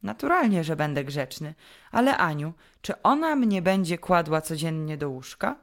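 In a storybook reading, a woman voices an earnest, tearful eight-year-old boy, lifting into a higher, childish tone. Her delivery is sing-song at a normal speed.

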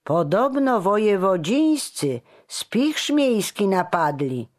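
A man's voice: high-pitched, very animated, slow pace, pitched above the performer's own voice, full character voice. A reader voicing an indignant male townsman complaining heatedly to his neighbor. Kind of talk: audiobook character voice.

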